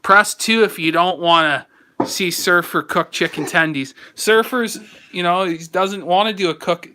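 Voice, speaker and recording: A man's voice: high-pitched, unhurried, noisy background. A man co-hosting a stream, reading viewer comments aloud and joking dryly with the host. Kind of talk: casual chat.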